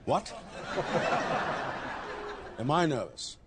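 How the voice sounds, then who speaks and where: Smug condescending quiz show host in a movie, slow showy delivery, swoopy pitch, distant clip sound. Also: male voice, big pitch swings, very noisy, exaggerated voice. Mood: mocking amusement.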